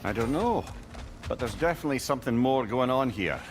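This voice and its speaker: A man's voice: medium pitch, expressive, fairly quick, slight background noise, natural voice. An actor playing a wry, knowing male companion with a dry, wry delivery.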